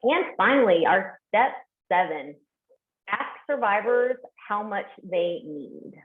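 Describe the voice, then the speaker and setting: A woman's voice: mid-range voice, expressive, slow. Woman presenting over a tinny call line. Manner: earnest, frequent fillers and restarts. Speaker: webinar presenter. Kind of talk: presenting webinar slides. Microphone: video call. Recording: tinny phone-like call audio.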